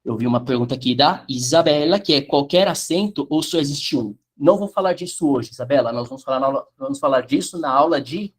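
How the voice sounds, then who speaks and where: A man's voice: a little high, quick pace, hardly any pauses. A man teaching Italian pronunciation in an online class, explaining with a sing-song lilt and checking the chat.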